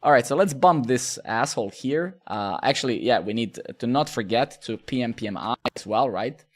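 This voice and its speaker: A man's voice: medium pitch, lively intonation, moderate pace. A man in his thirties from Serbia, chatting casually with viewers while live coding, rambling with fillers, swearing and asking "right?". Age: 30s.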